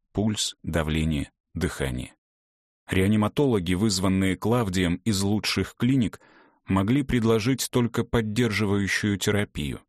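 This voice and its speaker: Low-voiced male audiobook narrator. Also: dry recording, studio quality. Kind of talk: scripted narration.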